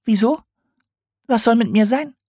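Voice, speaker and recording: A man reading an audiobook, voicing a jittery young female owl trader in a shrill, excitable voice. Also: measured pace, dry recording, clean studio sound. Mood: defensive. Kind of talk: audiobook character voice.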